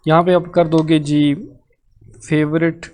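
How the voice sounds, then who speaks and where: Speaking slowly in a fairly high, level, slightly mellow voice, this man teaches coding in a live online session. His accent is Pakistani Urdu, and he explains things one step at a time, pausing often to check on the class.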